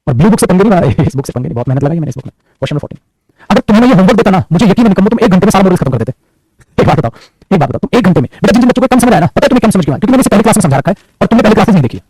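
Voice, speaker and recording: A high-voiced male teacher talks fast and swoops up and down as he lectures. His voice is a bit husky and sits close and dry on the mic. He teases and scolds his students as he goes. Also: sing-song, a little mellow, dry recording, poor audio. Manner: scolding, teasing, calls students beta. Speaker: English grammar teacher. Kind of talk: classroom lecture in Hindi mixed with English.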